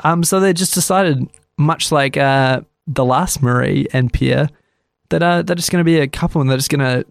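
A man's voice: a little high, moderate pace, creaky, no room sound, studio quality. A man casually retelling history on a podcast, chatty and a bit sarcastic, acting out the people he talks about. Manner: chatty, sarcastic, acts out quotes.

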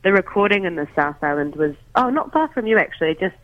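Over a tinny phone line, a musician guest gives a casual interview from home while making coffee. The mid-range voice has big pitch swings and a quick pace, and the speech is hesitant, full of ums and restarts, in a dry recording.

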